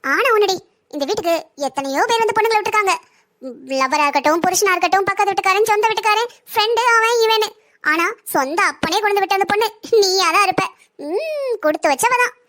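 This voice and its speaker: A woman's voice: extremely high pitch, fast talker, fairly bright tone. Woman doing a blunt, scornful brothel madam. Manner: blunt, mocking, bossy. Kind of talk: cartoon story voice acting.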